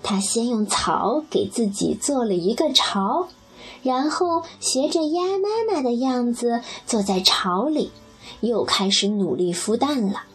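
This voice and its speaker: A woman gently reading a children's story aloud and speaking to the child listener. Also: on the high side, lively intonation, measured pace, slightly rough, faint music behind.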